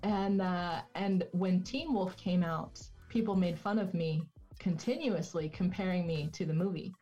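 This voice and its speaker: A woman guest on a podcast tells stories in a relaxed, chatty way and laughs easily. Her voice sits low and sounds warm. The recording is dull and lo-fi, with faint music underneath. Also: a little slow. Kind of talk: casual conversation.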